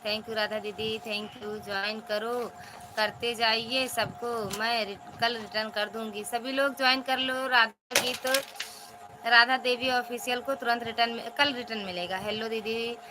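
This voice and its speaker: A woman's voice: a little high, flat delivery, unhurried. Chatty woman hosting a noisy live stream. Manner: chatty, reads out and answers viewer comments. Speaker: livestream host. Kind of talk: casual livestream chat, greeting viewers.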